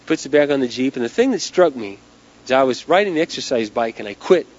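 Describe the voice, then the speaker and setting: An inspirational speaker who is losing his voice tells a story to a live audience in a quick-paced, expressive, slightly mellow mid-range voice. He is dramatic yet conversational, acting out the dialogue, and the lo-fi recording sounds dull.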